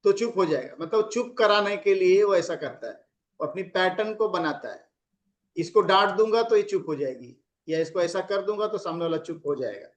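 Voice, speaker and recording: Middle-aged male relationship coach, high voice, conversational advice with acted-out examples. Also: animated, normal speed. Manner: explains with acted examples of angry phrasing. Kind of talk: casual advice talk.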